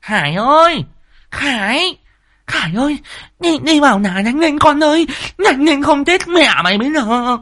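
Man voicing shrill scolding peasant wife, high falsetto, lively swooping, storybook ghost tale. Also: takes it slowly, long pauses, exaggerated voice. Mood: frantic.

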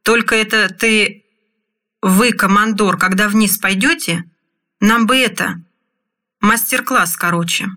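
A woman voicing a rough male convict brigade leader who talks in an eager, colloquial way in an audiobook. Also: medium pitch, slow, pauses often, sharp tone.

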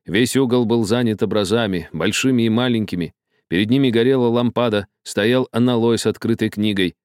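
A man narrating a story as an audiobook reader, in a measured, even way. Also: on the low side, smooth, no room sound, clean studio sound. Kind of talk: audiobook reading.

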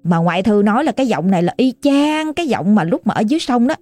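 A woman's voice: mid-range voice, animated, fast, a little mellow, dry recording. A woman with a Southern Vietnamese accent telling a ghost story in a chatty, casual way, often speaking straight to her listeners. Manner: chatty, addresses listeners directly.

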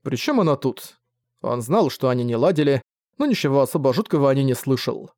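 A man narrating a fantasy novel in a steady, measured reading. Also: mid-range voice, dry recording, studio quality. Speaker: audiobook narrator. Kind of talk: scripted narration.

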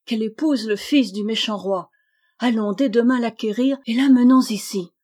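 A woman's voice: on the high side, moderate pace, darkish tone, lightly acted. A woman voicing a sorrowful widowed queen. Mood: resolute.

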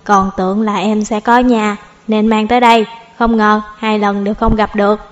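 A woman voicing an older male teacher who speaks slowly and politely, over faint music. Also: mid-range voice, little pitch movement, in a large hall, natural voice. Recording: slightly dull audio, faint music.

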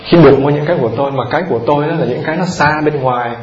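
A man's voice: fairly high pitch, very fast. A Buddhist monk giving a conversational dharma talk, repeating words and putting questions straight to his listeners. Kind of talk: dharma talk to a lay audience. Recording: roomy, dull lo-fi recording with audience.

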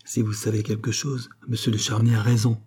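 A man reading an audiobook, voicing a kindly, naive princess who speaks gently. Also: lowish voice, little pitch movement, a little fast, breathy edge. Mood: gentle. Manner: gentle, good-natured.

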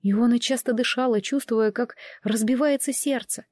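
A woman narrates a fantasy story in a measured reading voice. Her pitch is moderately high. The recording is dry and close, with no room sound. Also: steady tone, darkish tone, dry recording. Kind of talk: audiobook narration.

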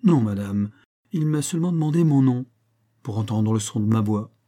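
A man voicing a calm, scheming young female maid, politely deferential and matter-of-fact. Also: on the low side, moderate pace. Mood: assured.

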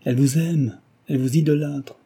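A man's voice: mid-range voice, moderate pace, warm tone, slightly rough, lightly acted. A man voicing an ardent, passionate young suitor in an audiobook, pleading with energy. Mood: impassioned. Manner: impassioned, pleading.

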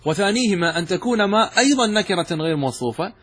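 A man's voice: high voice, animated, fast talker, fairly bright tone, slightly rough. A man teaching grammar in a classroom lesson, explaining step by step and quizzing his students.

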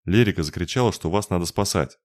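A man's voice: deep voice, quick pace, darkish tone, close to an everyday voice. A man voicing an agitated young man who speaks strained and groaning. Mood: anxious. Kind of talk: audiobook narration.

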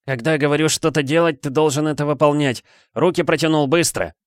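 A man's voice: mid-range voice, normal speed, fairly bright tone, dry recording, studio quality, lightly acted. A man voicing an arrogant, cruel teenage boy bandit who speaks haughtily and threatens. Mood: menacing, haughty.

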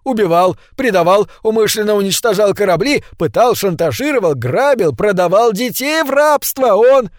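A man voicing a cruel, triumphant male impostor who loudly proclaims in a sing-song way. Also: a little high, animated, normal speed, no room sound, clean studio sound, close to an everyday voice. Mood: accusing.

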